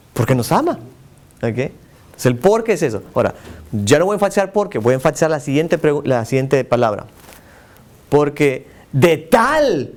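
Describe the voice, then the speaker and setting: A man's voice: fairly high pitch, darkish tone. A man teaching a church class on meditating on Bible verses, encouraging his students and reading verses aloud with shifting emphasis.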